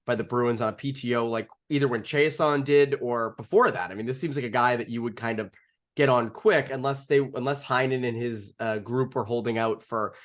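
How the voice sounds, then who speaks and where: A man's voice: mid-range voice, moderate pace. A man co-hosting a casual sports podcast, tossing out dry jokes between lots of "uh" and restarts. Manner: wry, full of fillers and restarts, dry jokes. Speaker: podcast co-host.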